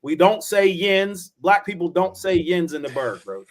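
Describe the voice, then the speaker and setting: A Pittsburgh man in his forties hosts a casual podcast, spinning loose, slangy stories and dropping "bro" and "yo." His voice is high-pitched with lively intonation, and he talks at a moderate pace.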